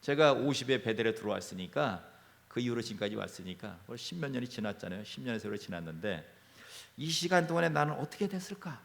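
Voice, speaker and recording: A man in his sixties, a pastor preaching a sermon in a prayer-house church. He asks himself many rhetorical questions, and his loudness rises and falls as he speaks. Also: mid-range voice, very animated, fast, creaky. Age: 60s.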